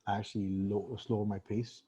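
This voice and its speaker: A man's voice: fairly low pitch, little pitch movement, fairly quick, mellow, slightly rough, highs cut off. A man teaching sales in a casual live-stream talk, conversational with many fillers and restarts. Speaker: sales trainer.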